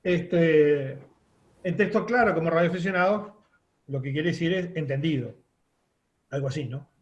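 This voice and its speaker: A man's voice: a little high, normal speed, reverberant, highs cut off. A man teaching a radio course, explaining step by step with many fillers and restarts. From Uruguay. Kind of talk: online class lecture.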